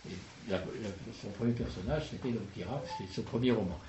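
A man giving a public talk on a writer, halting and repeating words, with many fillers. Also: lowish voice, muffled recording. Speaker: lecturer. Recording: roomy hall with background noise.

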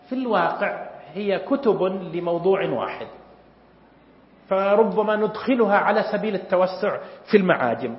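A man gives an academic lecture, measured and full of pauses, often clearing his throat. His voice sits a little high. The recording is dull and lo-fi, with a long echo from a roomy hall. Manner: measured, pausing often with fillers. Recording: echoey hall, dull lo-fi sound.

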